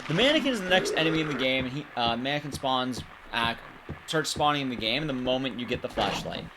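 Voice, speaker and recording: Talking fast and animatedly, a man with a medium-pitched voice streams live gameplay. He comments casually and explains things to his viewers in a conversational way. Background noise can be heard.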